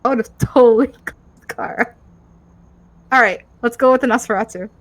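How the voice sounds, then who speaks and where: A woman co-hosting a casual game playthrough, animated and giggly, often interrupting herself. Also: a little high, fairly quick, low-quality recording. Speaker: co-host playing and voicing a game.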